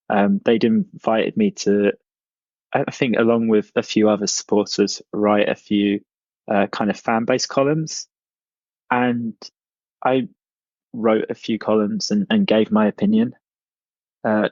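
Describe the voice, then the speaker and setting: A man recounts his memories in an interview, halting and restarting his sentences. His voice sits a little low. The recording is dull and lo-fi, dry and close. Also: darkish tone, no echo. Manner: halting, hesitant with many restarts. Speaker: interviewee, former fan columnist.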